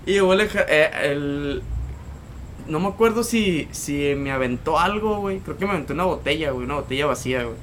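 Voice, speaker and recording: A man's voice: on the high side, expressive, brisk, fairly bright tone, slight background noise. A young man, telling a street story in a casual podcast chat, full of slang and repeated words. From Mexico. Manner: slangy, repeats words and tags lines with "güey". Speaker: podcast co-host.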